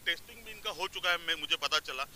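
A man's voice: on the high side, fast talker, pushed and bright, slight background noise, low-quality recording. A man in his thirties, a local resident, interviewed outdoors on a seaside jetty, speaking plainly into a reporter's handheld mic and slipping English words into his speech. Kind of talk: street interview. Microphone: handheld mic held by reporter.

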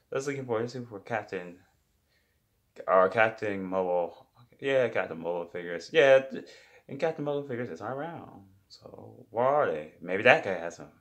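A man's voice: lowish voice, expressive, normal speed. Man, improvised silly story, rambling, lots of restarts and repeats.

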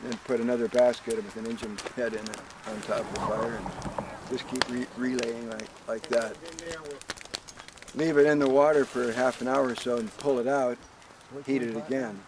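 A man's voice: mid-range voice, fairly even intonation, normal speed, background noise. Older man explaining canoe carving. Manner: plain, practical explaining with fillers. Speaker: canoe carver. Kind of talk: hands-on demonstration.

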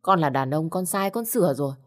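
A woman's voice: sits low, lively intonation, brisk. A woman reader voicing an angry, jealous young husband who speaks in harsh, accusing bursts. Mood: furious.

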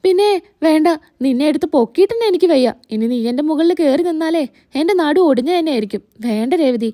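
A woman's voice: high-pitched, animated, quick pace, mellow, no room sound, clean studio sound. Woman doing a grumbling young husband. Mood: protesting. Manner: complaining, teasing. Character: young husband, sore-backed and teasing.

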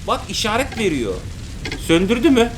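Excitable young dad gaming host. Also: male voice, very high voice, moderate pace, background noise. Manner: excitable, dramatic exclamations, teasing. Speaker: father and gaming channel host. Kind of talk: casual let's-play commentary. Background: background music.

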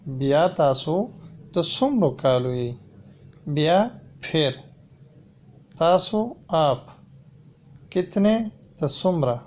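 A man teaching a language lesson, slowly repeating each word and phrase as he drills it. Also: a little high, darkish tone. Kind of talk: slow, repetitive language lesson. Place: voice-over on a slide video.

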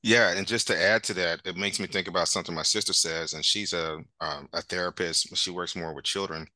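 Very deep, sharp-toned man hosting a webinar. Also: fairly even intonation, a little fast, no echo. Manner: rambling, with frequent fillers. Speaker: webinar host. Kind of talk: casual webinar talk. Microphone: video call.

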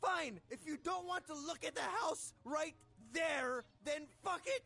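An actor playing a whiny, pushy male pop-up creature in a video game, nagging loudly and abrasively. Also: measured pace, gravelly, soft background music, heavily acted. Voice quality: high squeaky whiny voice. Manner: nagging, loud and abrasive, often yelling.

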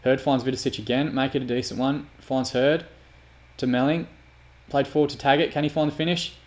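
A man's voice: medium pitch, steady tone, brisk, a little mellow. Sweary frustrated man gaming. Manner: frustrated, sweary, exasperated outbursts. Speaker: gaming YouTuber. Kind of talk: football manager game commentary.

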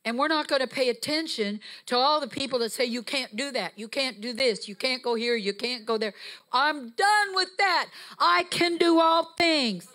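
A woman's voice: high voice, a bit bright. A woman preaching with fervor and emphatic exhortation, walking the stage with a handheld mic in a church sanctuary. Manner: fervent, emphatic, rising to exhortation; walks the stage while preaching. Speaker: guest preacher. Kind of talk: sermon. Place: church sanctuary, mid-sized, indoors. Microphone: handheld microphone.

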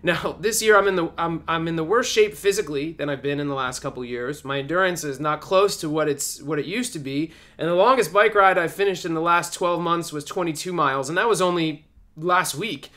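A man's voice: on the high side, fairly quick, sharp tone. A man in his thirties making a sincere direct-to-camera appeal as a vlogger, with frequent fillers and repeated words, seated in a small plain room.

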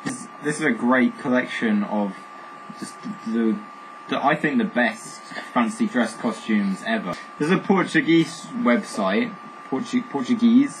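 A man's voice: medium pitch, a little slow, background noise. A young man co-hosting a casual chat, rambling with lots of fillers and restarts. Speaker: podcast co-host.

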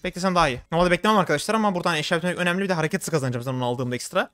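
A young man commenting on his own game as he plays, talking fast and getting worked up. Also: on the high side, no room sound. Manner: rapid, excitable, swings into frustrated outbursts. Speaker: gaming streamer. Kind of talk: live gameplay commentary.

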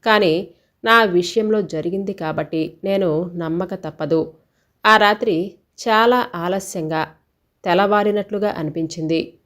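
A woman's voice: on the low side, unhurried, fairly bright tone. Woman narrating a first-person story.

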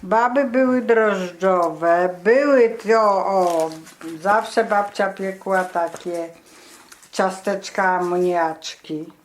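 Elderly woman, slow-paced and colloquial. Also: medium pitch, slight background noise. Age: 70s or older. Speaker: grandmother being interviewed. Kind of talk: casual reminiscing conversation.

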